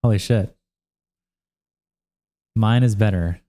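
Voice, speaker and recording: A worn-out man hosting a livestream reads viewer comments in a dark, low voice. He's casual and profane, tossing off quick asides in reaction to chat.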